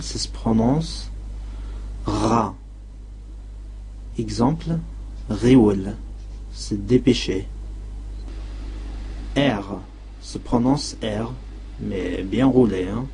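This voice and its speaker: A man giving a slow, deliberate language lesson, saying each word and its meaning one by one. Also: lowish voice, dark tone, slight background noise, rough recording. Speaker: language teacher. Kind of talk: slow dictated vocabulary lesson.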